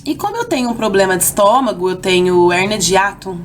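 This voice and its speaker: Animated Brazilian woman telling a story. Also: fast talker, a little hiss or hum. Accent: Brazilian Portuguese. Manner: animated, acts out quoted lines with raised pitch. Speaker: vlogger. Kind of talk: casual storytelling to viewers.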